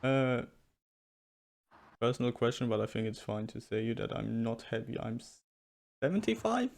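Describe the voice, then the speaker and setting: Young serbian guy cohosting a podcast, loose playful chat, mid pitch. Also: flat delivery, normal speed, creaky, a little mellow. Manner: joking, restarts a lot, loose and playful. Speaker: podcast co-host. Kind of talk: casual chat.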